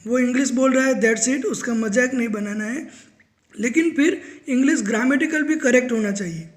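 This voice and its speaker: Indian male English tutor, high voice, talks straight to students, mixes in English. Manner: addresses students directly, mixing English phrases into Hindi. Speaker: spoken English teacher. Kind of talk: explanatory lesson.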